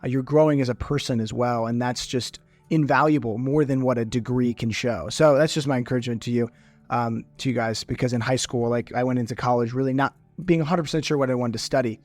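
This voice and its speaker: A man, an admissions counselor, giving advice in a halting way with many restarts. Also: medium pitch, fairly even intonation, a little mellow, soft background music. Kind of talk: casual panel advice.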